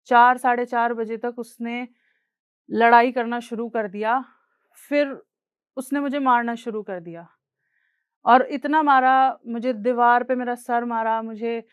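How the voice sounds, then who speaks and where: A young woman with an Indian accent shares her own life story from a stage. Her voice sits a little high and comes across smooth and resonant, recorded dry with no room sound. She speaks earnestly and plainly, mixing English words into her sentences. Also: steady tone, measured pace, no room sound. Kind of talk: personal story told on stage.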